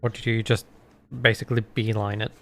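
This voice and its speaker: A man casually narrating a tabletop game as game master, pausing often to think. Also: fairly low pitch, little pitch movement, a bit bright.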